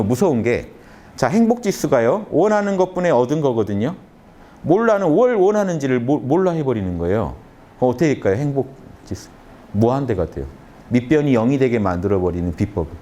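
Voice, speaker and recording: A man lectures in a large conference room, leading his audience through a simple calming exercise. His pitch sits in the middle but moves a great deal, and sudden rises give it an animated feel. He repeats short phrases and stresses the key words. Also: brisk. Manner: lively, emphatic delivery with sudden rises in pitch. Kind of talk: motivational humanities lecture.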